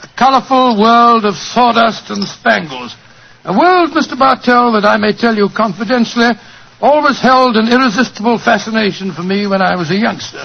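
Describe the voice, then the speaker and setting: An actor playing a genial, rambling elderly English doctor with a British accent and a husky voice in a 1940s radio drama. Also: male voice, high-pitched, expressive, normal speed, slight background noise. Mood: fond reminiscing. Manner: avuncular, rambling, easily sidetracked. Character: genial elderly English doctor fondly telling old adventures. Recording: dull vintage 1940s radio recording.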